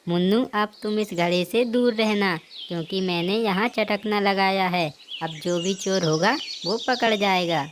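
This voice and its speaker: Woman as mother sparrow, cartoon, caring, gently scolding, noisy background. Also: medium pitch, unhurried, few pauses, lightly acted. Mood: worried.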